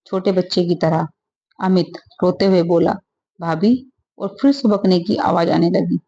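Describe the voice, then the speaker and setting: Woman storyteller, steady even reading, dull lo-fi recording. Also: fairly low pitch, moderate pace, gravelly, husky. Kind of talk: reading a Hindi moral story.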